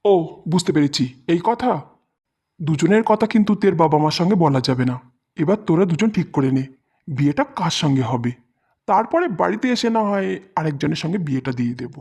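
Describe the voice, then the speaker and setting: Husky, grumbling middle-aged father at a plain middle pitch, in a fan audio drama, voiced by a narrator. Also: animated, brisk, darkish tone.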